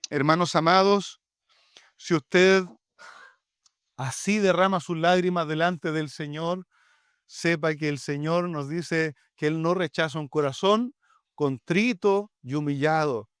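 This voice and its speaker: High, clear-voiced Chilean pastor preaching. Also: male voice, slow, fairly bright tone, dry recording, studio quality. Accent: Chilean Spanish. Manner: earnest, pleading preaching with repeated direct address. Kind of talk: sermon.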